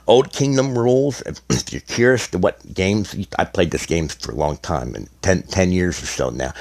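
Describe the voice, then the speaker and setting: A middle-aged man, slightly hoarse, explaining a strategy game in a rambling, casual way as a gaming content creator. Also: sits low. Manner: rambling, many restarts and fillers. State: slightly hoarse, losing his voice.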